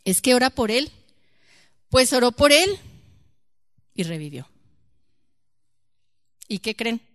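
A woman's voice: fairly high pitch, takes it slowly, dry recording, studio quality. A woman leading a church teaching, telling a story and firing rhetorical questions at her listeners. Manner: animated, rhetorical questions to the congregation. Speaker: Bible study leader.

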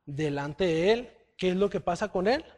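A man's voice: high-pitched, expressive, normal speed, a little mellow. A man giving a conversational Bible teaching, often checking in with his listeners. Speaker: church teacher.

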